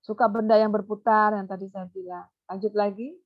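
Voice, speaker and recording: Animated woman in a muffled webinar. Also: fairly quick. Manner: animated, acts out coaxing a child in a high sing-song voice. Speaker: child education consultant and behaviour therapist. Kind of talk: webinar talk. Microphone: webinar computer mic. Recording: muffled online webinar audio.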